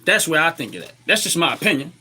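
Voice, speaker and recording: Slightly sick man hosting, bright forceful voice. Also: on the high side, very animated, quick pace, breathy edge. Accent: American. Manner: colloquial, opinionated, repeats phrases for emphasis. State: a little under the weather, clearing throat. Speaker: livestream host. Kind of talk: casual livestream political commentary.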